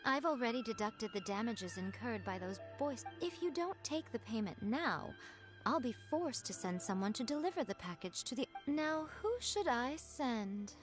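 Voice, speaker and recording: Actress as a sly, lilting high-voiced priestess. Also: female voice, animated, normal speed, lightly acted. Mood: slyly teasing. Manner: theatrical, teasing, honeyed politeness. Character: sly, elegant shrine priestess, playfully manipulative. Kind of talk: scripted anime game character acting. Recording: background music under the voice.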